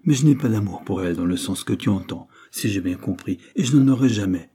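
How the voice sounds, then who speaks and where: A kind, honest young man from a storybook, speaking earnestly and gently, as a male narrator voices him. The voice is low and a little husky. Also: expressive, brisk. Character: frank, well-mannered young man.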